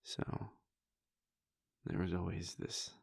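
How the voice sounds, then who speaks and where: A man performs a weary, brooding vampire prince in an intimate audio roleplay, delivering a soft, confiding monologue in a low, husky whisper. The delivery is flat and slow, fully in character, captured at studio quality with no room sound. The mood is reflective.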